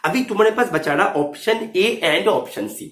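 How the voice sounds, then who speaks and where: Man, math tutor, high voice, very animated, keeps asking if it's clear, roomy echo. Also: moderate pace. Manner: checks understanding often; mixes English terms into Hindi. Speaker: math teacher. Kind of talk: explaining exam solution.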